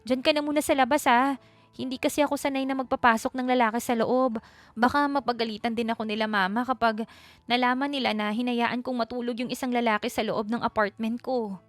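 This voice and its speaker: A woman's voice: a little high, steady tone, a little fast, dry recording, soft background music, voice pushed up, lightly acted. A woman voicing a timid young provincial schoolteacher who stammers and keeps apologizing in a storybook reading. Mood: flustered.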